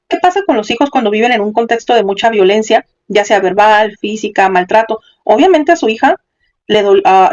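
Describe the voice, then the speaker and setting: A man's voice: high-pitched, muffled recording. A man hosting a question-and-answer show, giving affirming pastoral advice and explaining things step by step. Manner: affirming, calls the caller sister, explains step by step. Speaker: host and counselor.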